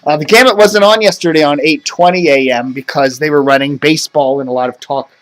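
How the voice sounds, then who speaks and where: Speaking briskly in a fairly high voice, this American video blogger chats to camera from inside his home. He meanders from thought to thought, musing aloud in a loose, casual way.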